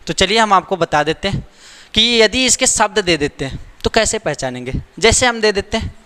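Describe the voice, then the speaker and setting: A man's voice: high-pitched, animated, moderate pace, pushed and bright, clean tone, long reverb tail. A man teaching a grammar lesson, repeating the rules and asking rhetorical questions to check that students follow. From India.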